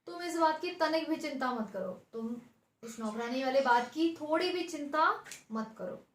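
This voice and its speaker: A woman teacher reading the part of a gentle elderly mother-in-law who coaxes politely, in a high voice with a roomy echo. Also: lively intonation, moderate pace. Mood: coaxing.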